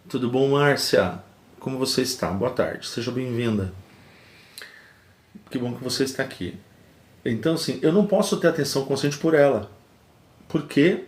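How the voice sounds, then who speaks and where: A man hosting a live stream, explaining ideas calmly with everyday examples and repeating key points. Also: mid-range voice. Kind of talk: teaching talk to a live audience. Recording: roomy echo.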